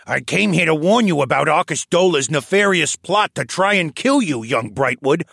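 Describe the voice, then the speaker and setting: A man's voice: fairly high pitch, moderate pace, gravelly, breathy edge, dry recording, voice pushed up, full character voice. A man voicing a wily old koala archivist. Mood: shrewd. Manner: crafty, knowing, animated. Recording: dry close studio sound.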